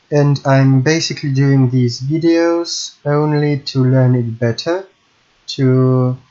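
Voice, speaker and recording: In dull-sounding audio, a man with a mid-range, slightly mellow voice thinks aloud as he programs at his home computer. He is a hobby game programmer whose first language is Russian, and he hesitates, corrects himself and apologizes often.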